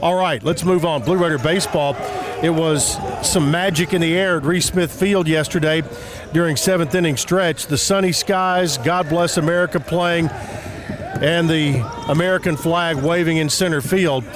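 A man's voice: a little high, moderate pace, background noise. A man hosting a local radio sports report, reading scores and schedules in an announcer's delivery.

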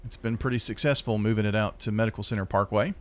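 A man's voice: fairly low pitch, fairly even intonation, quick pace, a bit bright. A middle-aged man, hosting a morning radio show in easygoing, rambling banter from a studio microphone. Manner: easygoing, rambling with many ums.

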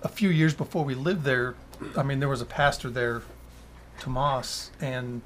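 A man's voice: mid-range voice, moderate pace. A man talking casually and conversationally as a guest in an interview. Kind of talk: casual chat. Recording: crowd chatter behind the voice.

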